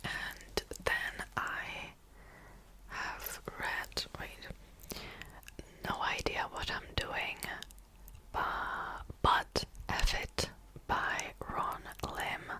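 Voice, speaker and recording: A young Czech woman, a native Czech speaker, whispers ASMR close to the mic in a slow, somewhat bright voice. She's an ASMR creator wrapping up a whispered reading, rambling in a soft unvoiced whisper with small laughs, and the audio quality is poor.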